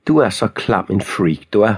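A man's voice: on the low side, animated, darkish tone, slightly rough. A man voicing a cruel, cocky teenage boy bully who mocks and spits insults in an audiobook. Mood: mocking.

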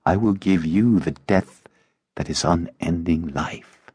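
A man's voice: sits low, takes it slowly, mellow, slightly rough, no room sound, exaggerated voice. A man voicing a seductive, cold female vampire demon who speaks in a silky, taunting way.

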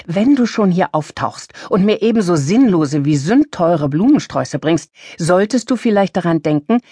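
A woman reading a sharp, angry young mother. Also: lowish voice, animated, moderate pace, slightly rough, no room sound, studio quality. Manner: sharp and scolding.

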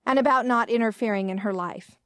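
A woman reading the part of a cautious male assistant, mild and careful in his speech. The voice is fairly high and recorded dry and close. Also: a little fast, a bit bright, dry recording, natural voice.

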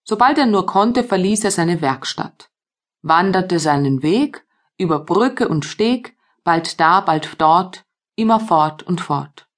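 A woman narrating a fairy tale audiobook for children in a lively storytelling manner. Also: lowish voice, takes it slowly.

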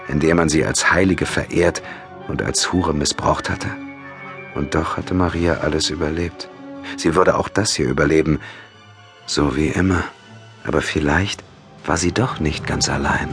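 A man reading a science-fiction audiobook in measured, dramatic scripted narration. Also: very deep voice.

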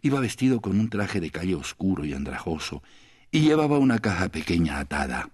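A man with a very deep, husky voice reads a literary novel aloud. His narration is measured and calm, carried by a low, grainy tone. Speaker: audiobook narrator.

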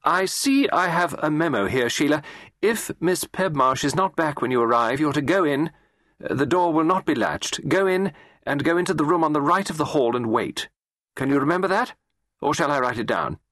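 A man voicing a brisk, bossy middle-aged woman who runs an office, giving crisp instructions. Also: fairly high pitch, animated, fairly bright tone, dry recording, studio quality, voice pushed up. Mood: brisk instructing.

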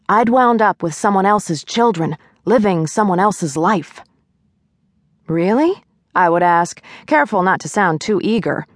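A woman's voice: on the low side, dry recording, clean studio sound. A woman narrating a novel in the first person, with wry, lightly comic storytelling. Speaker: audiobook narrator.

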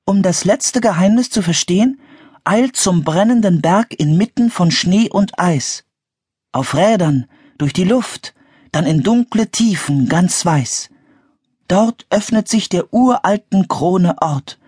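A man voicing an eager, cheerful young girl in a storybook audiobook, his voice raised high and bubbly. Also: expressive, slow pace, a little mellow, slightly rough, dry recording, clean studio sound, full character voice. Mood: reciting.

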